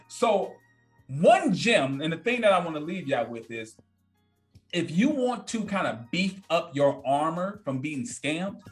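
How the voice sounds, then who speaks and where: A man's voice: on the high side, a bit bright. A man in his thirties, a podcast guest telling a story in a blunt, emphatic, casual way that repeats points for effect. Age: 30s.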